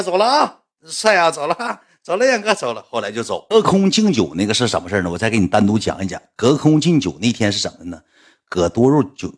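A man with a Northeastern Chinese accent casually telling stories to his livestream viewers and acting out the voices of the people in them. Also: slightly rough. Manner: animated, acts out quoted voices with big pitch jumps.

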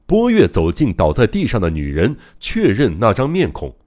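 Deep-voiced man reading a suspense story. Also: huge pitch swings, moderate pace, a little mellow. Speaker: audiobook reader. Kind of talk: audiobook narration of a mystery novel.

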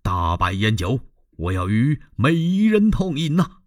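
A blustering old chancellor fusses and coaxes with a lively, rising and falling voice, as a male storyteller takes him on. The recording is close and dry, like an audio story. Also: medium pitch, slow pace, no room sound, pitched above the performer's own voice. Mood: coaxing. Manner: fussing, coaxing old voice.

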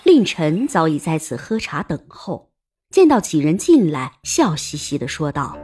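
A woman narrating a historical-fiction audiobook in an expressive storytelling manner. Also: low-pitched, measured pace, breathy edge.

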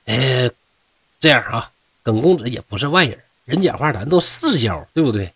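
A man's voice: medium pitch, very animated, moderate pace, fairly bright tone, husky, no room sound, full character voice. A man doing a boastful old fox elder. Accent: Northeastern Mandarin. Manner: chatty, persuading, folksy.

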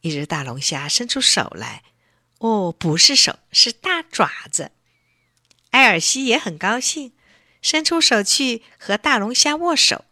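A woman reading a children's story aloud in a gentle, expressive way. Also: on the high side, unhurried, dry recording, studio quality.

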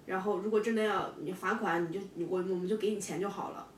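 Fast-talking young woman, distant echoey mic. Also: fairly even intonation. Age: 20s. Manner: fast, halting with many repeated words. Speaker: guest telling her breakup story. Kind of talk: casual podcast storytelling. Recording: echoey room, distant mic, faint rumble.

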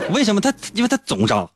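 Playful man telling radio stories. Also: very noisy. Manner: playful, teasing, jumps into high excited pitch. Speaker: radio host. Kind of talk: comic radio storytelling. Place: radio studio.

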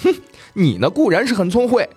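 A man's voice: mid-range voice, wildly swooping pitch, a little fast, darkish tone, slightly rough, faint music behind, full character voice. A man voicing a scheming young scholar who stammers through apologies to his lover. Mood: smug.

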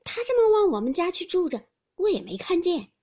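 A spirited noble boy talks eagerly and cheerfully, as a woman reader voices him. His lines bounce up high with lively swings. The tone stays a little breathy. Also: fairly quick.

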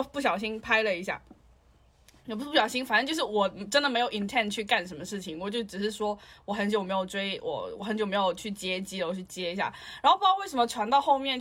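A woman's voice: medium pitch, fairly bright tone. A woman in casual chat, ranting and slipping in English phrases. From lives in Shanghai.

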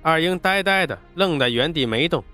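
A man narrating an audiobook with expressive storytelling. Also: a little high, moderate pace, soft background music.

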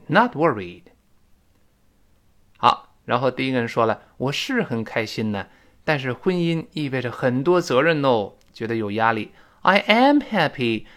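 A man teaching English pronunciation in an audio lesson, his pitch swinging up and down with animated emphasis. He stops often to repeat phrases slowly and clearly into a close mic.

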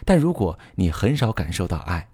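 A man's voice: low-pitched, sing-song, moderate pace, dark tone, husky, dry recording. A man giving relationship advice in an earnest, instructive monologue, speaking directly to his listeners.

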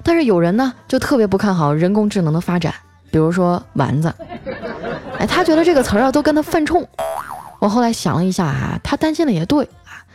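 A woman spinning comic anecdotes in a loose, chatty monologue, full of little filler particles. Her pitch sits in an ordinary middle range, with faint music playing behind. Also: very animated, fast, crowd noise. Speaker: comic storyteller.

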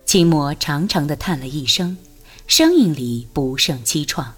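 A woman narrating a martial arts novel as an audiobook, in an expressive storytelling manner. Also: deep voice, a little slow, slightly rough, faint music behind.

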